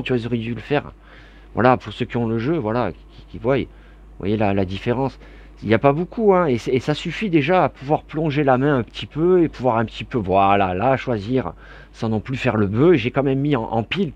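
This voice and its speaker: A man's voice: mid-range voice, muffled recording. Man for a casual tabletop rules video: rambling, giggly, talking straight to his subscribers. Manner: rambling, chatty, laughs often, many digressions; warm and grateful toward viewers. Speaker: board game YouTuber. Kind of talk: casual rules explanation to camera.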